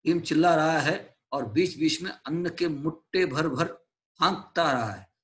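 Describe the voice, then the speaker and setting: A man's voice: on the high side, measured pace. A male teacher retelling and explaining a play's stage directions, glossing hard words in English. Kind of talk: explaining a play to a class.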